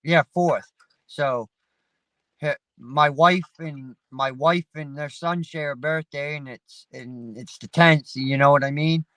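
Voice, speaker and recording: A man's voice: fairly high pitch, takes it slowly, pushed and bright, no echo, low-quality recording. A man hosting a livestream panel, chatting casually in a rambling, profane, laid-back way. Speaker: livestream host. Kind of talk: casual chat. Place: sitting in his parked vehicle. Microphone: phone.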